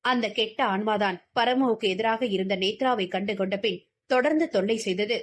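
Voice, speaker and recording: A woman's voice: medium pitch, normal speed. A woman reading a novel aloud as an audiobook narrator with dramatic storytelling.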